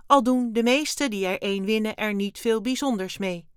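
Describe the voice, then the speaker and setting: A woman's voice: medium pitch, moderate pace, clean tone, no room sound, studio quality, voice pushed up, natural voice. A woman reading a children's story aloud, voicing a cheerful, small, hairy blue alien with chirpy, odd turns of phrase. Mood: chirpy, eager.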